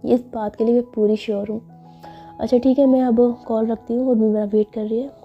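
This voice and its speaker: A woman puts on a confident, scheming young woman, bossy and self-assured. Her voice is high-ish and level. Faint music sits behind a slightly dull recording. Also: little pitch movement, brisk. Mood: smug.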